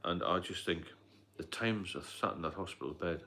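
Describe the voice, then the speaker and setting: Middle-aged British livestream host, deep low voice, loose rambling delivery with fillers. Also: male voice, moderate pace, sharp tone. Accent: British English. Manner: rambling, repetitive, frequent fillers and coughs. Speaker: livestream host, sobriety mentor. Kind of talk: casual live stream talk.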